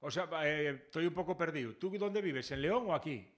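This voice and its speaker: A man hosting a casual radio interview, chatty and teasing, firing quick follow-up questions. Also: fairly high pitch, lively intonation. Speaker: radio host.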